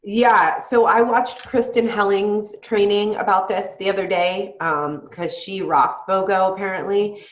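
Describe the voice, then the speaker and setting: A woman's voice: mid-range voice, steady tone, unhurried, hardly any pauses, reverberant, highs cut off. A woman with a head cold, sounding congested, coaching her team on a call in a chatty way and often asking "right?". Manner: chatty, asks "right?" often, laughs between points. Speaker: team leader on a group call.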